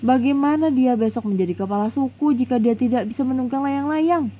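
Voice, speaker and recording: A woman's voice: high-pitched, fairly quick, mellow, a little hiss or hum, pitched above the performer's own voice, lightly acted. Woman doing a stern chief father, insistent, storybook.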